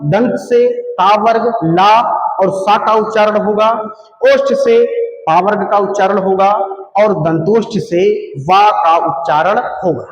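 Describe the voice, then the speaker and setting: Male Hindi teacher, high voice, asks and answers his own questions, echoey room with long reverb. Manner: asks questions and answers them himself, counts aloud slowly. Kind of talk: classroom lecture.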